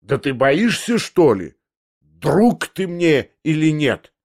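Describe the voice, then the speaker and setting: A man's voice: a little high, very animated, slow, a little mellow, voice pushed up, exaggerated voice. A man reading an audiobook, voicing a spiteful, jittery young swindler who snaps impatiently. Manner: snapping, impatient.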